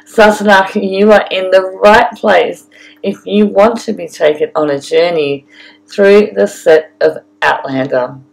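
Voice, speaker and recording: Slow-paced Australian woman narrating, slightly creaky. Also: fairly low pitch, low-quality recording. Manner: deliberate, addressing the listener directly. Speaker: photographer and travel guide narrator. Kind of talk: scripted audio-guide narration.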